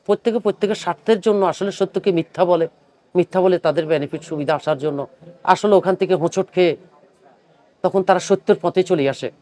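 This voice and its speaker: An older man, a poet, talking earnestly about his book and then reciting his own poem. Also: sits high. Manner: earnest, pleading; mixes English words into speech. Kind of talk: speaking to camera at a book fair; poetry recitation.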